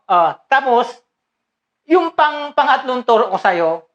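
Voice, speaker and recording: A woman's voice: high-pitched, expressive, slow pace, highs cut off. A woman playing a teasing karate teacher in a comedy skit, calling out short commands and laughing often.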